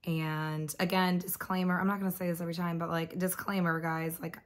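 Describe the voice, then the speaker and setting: A woman vlogging at home in a casual, rambling way, hoarse and coughing from bronchitis. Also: on the low side, little pitch movement, fairly quick. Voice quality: husky, lost voice. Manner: chatty, rambling with fillers. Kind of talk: casual vlog chat.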